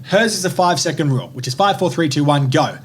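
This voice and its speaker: An energetic young man with a fairly high voice speaks emphatically on a motivational podcast. He swears casually as he talks. Faint noise hums behind him. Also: fast talker. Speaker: podcast co-host.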